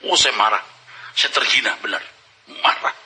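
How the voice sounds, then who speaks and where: A man's voice: lowish voice, moderate pace, pushed and bright, poor audio. A male pastor preaching a conversational sermon, acting out little dialogues and dropping casual slang and English phrases.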